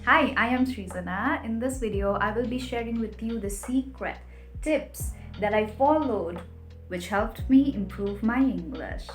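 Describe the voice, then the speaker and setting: A young Nepali woman, whose first language is Nepali, delivers a scripted advice vlog, giving emphatic tips one at a time. Her voice is on the high side at a measured pace, recorded in an echoey room with faint music.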